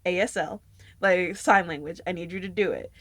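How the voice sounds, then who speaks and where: A young woman hosting a casual podcast chat, who tells stories with lively acted-out quotes. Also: on the low side, moderate pace, no echo. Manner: animated storyteller, acts out quotes. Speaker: podcast host.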